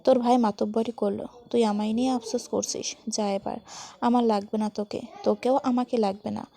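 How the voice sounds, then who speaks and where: A woman playing a cheeky young man in a storybook, loud and mocking, always joking. The voice is slightly high for the part and carries a gravelly fry. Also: flat delivery, brisk. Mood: sulky. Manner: mocking, playful, teasing. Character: cheeky, teasing young man, brother-in-law.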